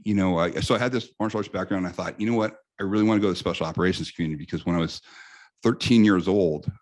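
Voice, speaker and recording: A man in his fifties from the United States, a guest telling animated stories in a casual interview with frequent restarts. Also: low-pitched, very fast.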